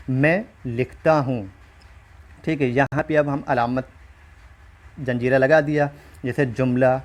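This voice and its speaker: A man teaching an online exam-prep lesson, explaining step by step and often checking in with his listeners. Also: medium pitch. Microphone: recorded while writing on a screen.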